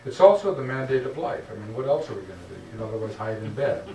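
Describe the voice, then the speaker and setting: A man's voice: medium pitch, expressive, quick pace, gravelly, warm tone. A man speaking earnestly as a lecturer answering audience questions, often checking in with "okay?". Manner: earnest, repeatedly asks "okay?". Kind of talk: public talk Q&A. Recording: roomy hall sound picked up from a distance, faint noise.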